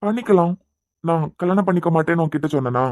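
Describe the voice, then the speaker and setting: A man voicing a steady, questioning young man in a cartoon serial, speaking with a Kanyakumari Tamil accent in a firm, reasoning way. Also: on the high side, fast, dry recording, studio quality, lightly acted. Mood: earnest. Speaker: voice actor.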